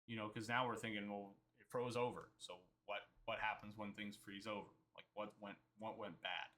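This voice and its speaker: A man's voice: lowish voice, little pitch movement, normal speed, bright, forceful tone. A man recapping a trip in casual, rambling storytelling, often quoting himself and others. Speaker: vlogger.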